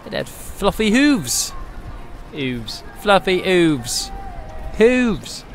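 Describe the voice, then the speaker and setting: An excitable bystander with an exaggerated fake Scottish accent, as a man puts him on, all high, loud exclamations in a children's podcast skit. The voice jumps far up its range and the words come slow and drawn out. Soft music plays faintly behind. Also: exaggerated voice. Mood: alarmed, excited. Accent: put-on Scottish. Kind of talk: comic skit in a kids' podcast.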